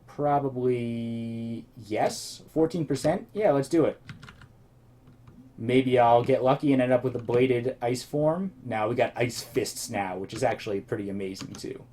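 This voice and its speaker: This let's play host rambles through casual commentary on his gameplay, thinking aloud and restarting his sentences. His medium-pitched voice is dark and measured, and he is slightly losing it.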